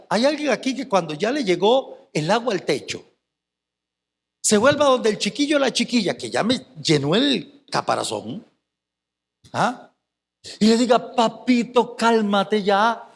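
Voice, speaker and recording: A man's voice: high voice, very animated, unhurried, vocal fry, pauses often, slightly rough, big-room sound. A male pastor preaching a fervent sermon, firing rhetorical questions at the congregation.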